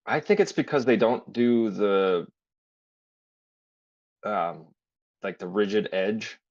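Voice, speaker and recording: A man's voice: fairly low pitch, expressive, slow pace, highs cut off. A man co-hosting a podcast, explaining his theories and dropping dry wisecracks. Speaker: podcast co-host. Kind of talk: casual podcast banter.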